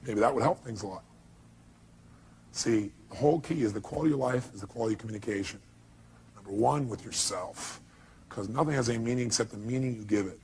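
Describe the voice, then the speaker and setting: A man giving a motivational seminar talk, animated and acting out the voices he quotes, sometimes shouting. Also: mid-range voice, a little hiss or hum. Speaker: motivational speaker.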